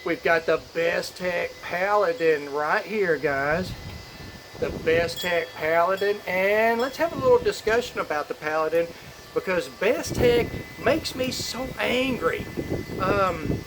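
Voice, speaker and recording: A man talking casually to camera as a channel host, rambling and opinionated, in an informal way. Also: high voice. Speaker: knife review channel host. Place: outdoors on a back porch in a storm. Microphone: phone camera. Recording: windy outdoor phone audio, storm noise.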